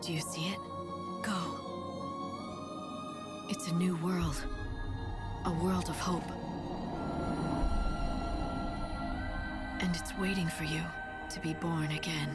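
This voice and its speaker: An actress playing a resolute, self-sacrificing warrior heroine in a video game, with grave, determined delivery. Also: female voice, on the low side, fairly even intonation, unhurried, pauses often, close to an everyday voice. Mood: quiet, tender farewell. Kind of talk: dramatic video game voice acting. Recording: game dialogue under loud music.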